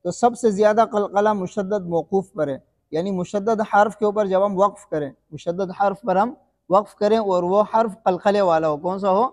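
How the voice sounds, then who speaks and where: High-voiced male teacher in an echoing room. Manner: repeats questions to the students and answers them himself; slow, drawn-out demonstration recitations. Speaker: Quran recitation teacher. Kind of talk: classroom-style recitation lesson.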